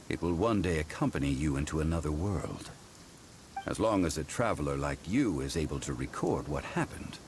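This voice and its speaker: Zhongli, a deep, solemn ancient god. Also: male voice, noisy background, heavily acted. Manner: measured, formal and unhurried. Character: ancient god in human form, calm, dignified, scholarly man. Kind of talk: game cutscene voice acting. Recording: game music under the voice.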